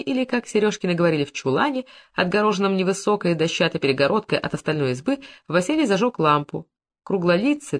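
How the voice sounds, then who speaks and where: A narrator reading a rural story aloud in an expressive audiobook style. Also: medium pitch. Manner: expressive storytelling with animated intonation.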